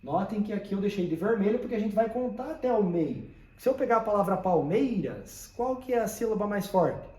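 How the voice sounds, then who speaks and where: A man's voice: high-pitched, expressive, fairly quick, few pauses, a little mellow, echoey room. A man teaching a poetry lesson, explaining step by step and often checking that listeners follow.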